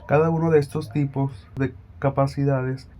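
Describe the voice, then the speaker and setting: A young man reading a class presentation aloud, halting and often restarting his words. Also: mid-range voice, flat delivery, dark tone. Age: young adult. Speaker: student presenter.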